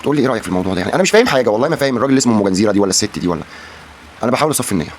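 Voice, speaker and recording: A man's voice: on the low side, big pitch swings, very fast, a little hiss or hum. A man with an Egyptian Arabic accent hosting a comic reaction video, teasing sarcastically and asking viewers to comment.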